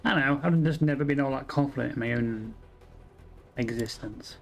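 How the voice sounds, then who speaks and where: Faint music plays behind a man whose medium-pitched voice is creaky and delivered at normal speed. The Wales-born streamer, speaking with an English accent, chats casually through a factory-building game, muttering to himself, swearing freely, and often knocking himself.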